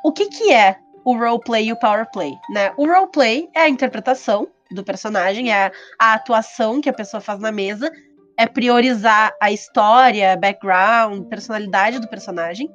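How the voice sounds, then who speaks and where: A woman's voice: fairly high pitch, normal speed, a bit bright. A Brazilian woman co-hosting a podcast in casual, chatty speech. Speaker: podcast host. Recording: slightly muffled band, music behind.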